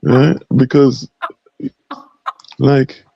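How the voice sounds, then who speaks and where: A man's voice: mid-range voice, flat delivery, drawn-out words, vocal fry, a crowd in the background. A man co-hosting a podcast over a remote connection, chatting casually and often stammering and repeating words. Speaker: podcast co-host. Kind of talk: casual chat. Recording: dull lo-fi remote audio.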